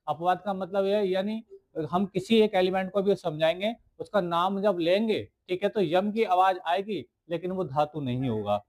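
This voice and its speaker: A man with a fairly high voice gives a recorded science lesson to school students. He keeps asking the class questions, answers them himself and says each key word over again, as if drilling it. He writes on the screen as he talks. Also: darkish tone. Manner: writes on the screen while explaining. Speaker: teacher. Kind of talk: video lecture to school students.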